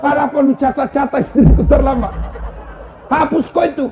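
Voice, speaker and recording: A man voicing a hot-tempered jealous husband who shouts his complaints. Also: very high voice, moderate pace, crowd noise, background noise, pitched above the performer's own voice. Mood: angry. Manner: angry, loud, shouting complaints.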